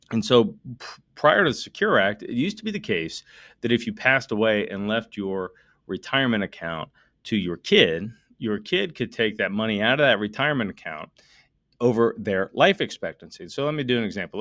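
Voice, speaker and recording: A middle-aged American man, an estate planning attorney, speaks to listeners in a voice on the low side, recorded dry with clean studio sound. His monologue is emphatic and packed with rhetorical questions, and he works through numbers out loud as he explains his topic.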